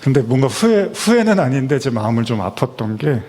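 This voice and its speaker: A man's voice: mid-range voice, big pitch swings, brisk, a little mellow. A middle-aged male pastor delivering a Christmas sermon in a conversational, storytelling way with frequent fillers.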